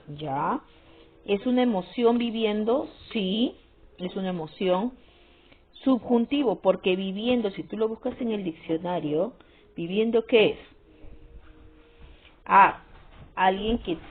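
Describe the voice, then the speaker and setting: Female teacher, slow deliberate delivery, repeats herself, tinny phone-quality recording with faint music. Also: mid-range voice, husky. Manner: repetitive, checks with frequent "¿sí?" and "¿no?". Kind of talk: classroom grammar lesson.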